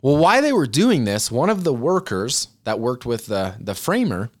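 A man's voice: medium pitch, big pitch swings, moderate pace. Earnest young man giving motivational talk. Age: 20s. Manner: earnest, chatty, addresses listeners as "you guys". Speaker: podcast host.

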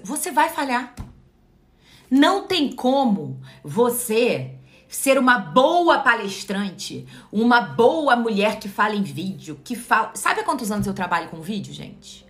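A woman's voice: on the high side, a bit bright. Emphatic Brazilian woman mentor preaching online. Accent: Brazilian Portuguese. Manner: emphatic and direct, preachy, addresses the viewer as "you". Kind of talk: motivational live-stream talk to followers.

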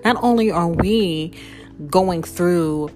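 With music playing in the background, a woman speaks slowly in a voice on the low side. As a podcast host and spiritual coach, she talks casually and openly about personal experiences, often saying "like" and "you know."

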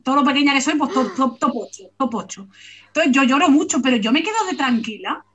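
A woman hosting a casual book club chat, talking in an animated, emphatic and playful way. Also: sits high, fast, muffled recording.

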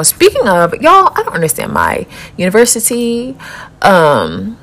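A young woman talks through football results in a loose, chatty way, drifting into asides. Her voice sits low for a woman. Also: fairly bright tone. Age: young adult. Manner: chatty, rambling, quick asides. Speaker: football podcast host. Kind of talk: casual chat.

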